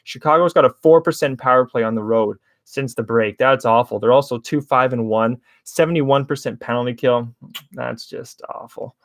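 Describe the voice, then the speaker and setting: A man's voice: medium pitch, a little fast, hardly any pauses, dry recording. A young man hosts a casual hockey betting livestream, rambling through picks and talking to chat viewers. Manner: chatty, rambling, addresses chat viewers as guys. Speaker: sports betting show host.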